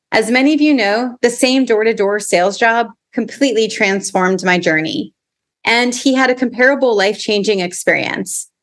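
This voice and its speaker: A woman hosting a podcast, reading a prepared introduction and then chatting in a bright, upbeat way. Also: mid-range voice. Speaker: podcast host. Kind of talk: scripted intro, then casual interview.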